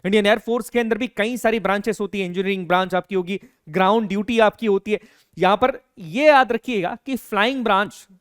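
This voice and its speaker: Male teacher, high voice, earnest and emphatic lecturing tone, dry close recording. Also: a bit bright, clean tone, no room sound. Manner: earnest, emphatic, addresses students directly. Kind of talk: educational lecture.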